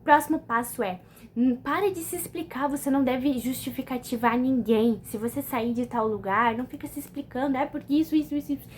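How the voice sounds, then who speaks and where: A Brazilian woman vlogger talks straight to her viewers in a loose, motivational way, often pausing to ask if they follow. Her voice sits a little high, and there is a faint hiss behind it. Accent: Brazilian Portuguese. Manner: conversational, repeats "entendeu?" often, restarts. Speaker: personal development vlogger. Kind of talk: casual motivational talk to camera.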